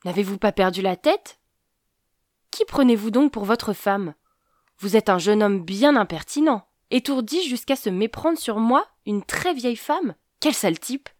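A woman voicing a quick-tempered wife in her seventies, speaking with indignant exclamations. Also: mid-range voice, expressive, dry recording, clean studio sound, lightly acted. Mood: furious.

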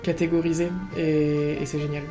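With guitar music behind her, a young adult woman in a low-pitched voice talks at a normal pace and flat delivery, casually recounting in conversation what she went through as a patient.

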